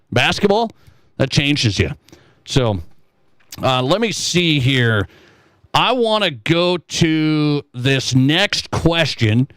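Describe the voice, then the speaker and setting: A sports talk radio host with a voice on the high side and a bit bright speaks on a dry recording. He reads listener texts and gives emphatic, opinionated commentary conversationally, repeating his points.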